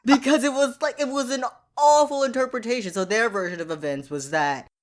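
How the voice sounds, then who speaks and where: Animated woman ranting with quick laughs. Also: on the high side, crowd noise. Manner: animated, laughs often, speeds up when ranting. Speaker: podcast co-host. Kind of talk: casual chat.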